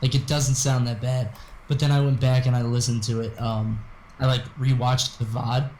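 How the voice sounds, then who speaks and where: A man with a hoarse, raspy, smoker-like voice, very tired, chatting casually as a guest commentator and keeping his voice low. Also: flat delivery, normal speed, a little mellow. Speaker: guest co-host, esports commentator. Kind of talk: casual chat. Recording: roomy, faint background noise.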